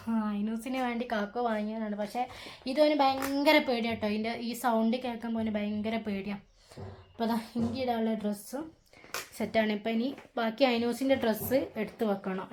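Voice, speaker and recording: A woman's voice: fairly high pitch, a little mellow, slight background noise. A young woman, chatting casually at home in a family vlog as she explains each step. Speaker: family vlogger, mother. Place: home, indoors.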